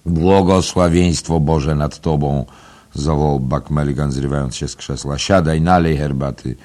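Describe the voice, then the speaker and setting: A man voicing a jovial, mocking young man who talks loudly and theatrically, in an audiobook. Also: rumbling low, steady tone, moderate pace. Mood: boisterous. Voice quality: exaggerated, playful. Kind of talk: audiobook character reading.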